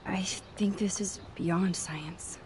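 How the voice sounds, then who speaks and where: A quiet teenage girl in a video game who talks in a soft, hushed, hesitant way. Her voice sits a little low, and clear background noise runs under the game audio. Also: steady tone, slow pace.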